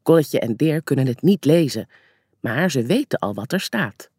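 A narrator reading a children's story aloud, with expressive storytelling. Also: medium pitch, moderate pace, husky, no room sound, studio quality.

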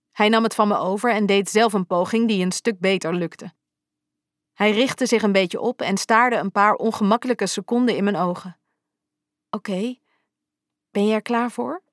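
A woman narrating a first-person romance story in a calm, intimate storytelling manner. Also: mid-range voice, no room sound, studio quality. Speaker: audiobook narrator.

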